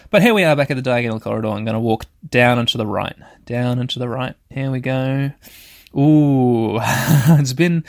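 A man giving casual let's play commentary as a gaming host, thinking aloud and narrating each move in a halting, rambling way. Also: medium pitch, no echo, studio quality. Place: shed.

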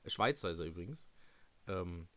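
A young man on a casual podcast, his pitch swinging up and down as he tells a story. He rambles, stumbling over fillers and restarting his sentences as he goes. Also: expressive, normal speed, sharp tone. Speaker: podcast co-host. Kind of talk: casual chat.

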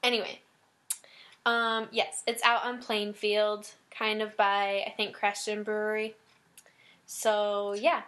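Bright, chatty young woman. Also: medium pitch, monotone, takes it slowly. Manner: chatty, giggly, trips over words. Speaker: podcast co-host. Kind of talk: casual chat.

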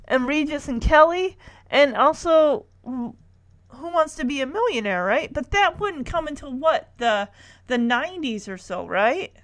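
Woman host, higher register, easygoing slow pace; casual recap, playfully quotes lines. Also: expressive, a bit bright. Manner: chatty, acts out lines with "like" quotes. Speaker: podcast host recapping a sitcom episode.

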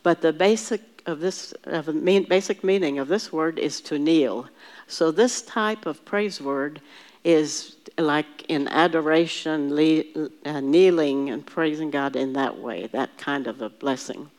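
A woman's voice: deep voice, a little slow, a little mellow. A woman teaching a Bible study group, patiently explaining words one at a time and having the class repeat them, often restarting her sentences as she thinks aloud.

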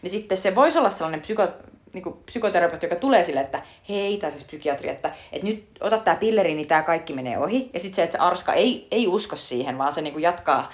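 Chatty woman with a lowish voice. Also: lively intonation. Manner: chatty retelling full of fillers, breaks into laughter. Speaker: podcast co-host discussing a film. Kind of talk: casual chat.

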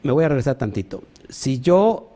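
A man teaching a sermon, stressing points emphatically, often calling out to the congregation and pausing with fillers as he searches for words. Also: mid-range voice, big pitch swings, mellow. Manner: emphatic, repeats "ojo" and "amén", talks to the congregation. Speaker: preacher.

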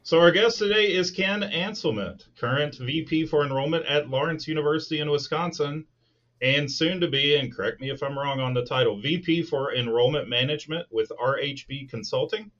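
A man's voice: a little high, a bit bright, muffled recording. Friendly male podcast co-host. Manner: friendly, reading a guest introduction. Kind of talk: casual podcast chat.

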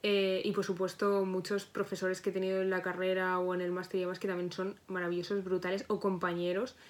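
A woman's voice: fairly low pitch, monotone, fairly quick. A young woman, a psychologist chatting as a podcast guest in a reflective, self-correcting way. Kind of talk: casual podcast interview.

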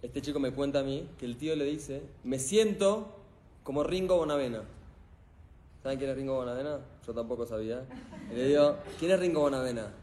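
A man's voice: medium pitch, fairly quick, a little hiss or hum. A middle-aged man with an Argentine accent gives a live motivational talk in a hall without a microphone. He tells stories with energy and keeps asking the audience questions. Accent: Argentine Spanish. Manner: animated storyteller who quizzes the audience. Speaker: motivational speaker. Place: event hall full of people. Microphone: speaking without a microphone.

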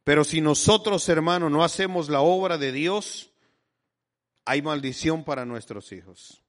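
A man's voice: a little high, measured pace, fairly bright tone, long reverb tail. A man preaching a fervent sermon as pastor, calling out to his listeners as brother again and again.

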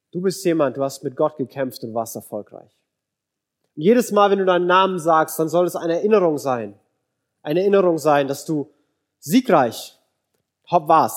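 German preacher man, slightly high voice. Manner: drops low and soft when quoting biblical figures, then rises for emphasis; repeats phrases for emphasis. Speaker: pastor. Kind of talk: sermon.

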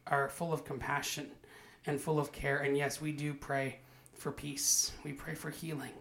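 A man's voice: fairly high pitch, level tone, normal speed, vocal fry, fairly bright tone. A man, a pastor hosting a podcast, praying earnestly and then introducing his guest.

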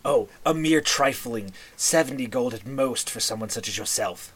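A man's voice: medium pitch, animated, moderate pace, a bit bright, slightly rough. A man voicing a shady, snide fish-faced potion seller in a tabletop game, with flowery, obsequious sales talk. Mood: boastful, oily. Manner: sly, obsequious salesman with flowery, formal phrasing. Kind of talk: tabletop role-play.

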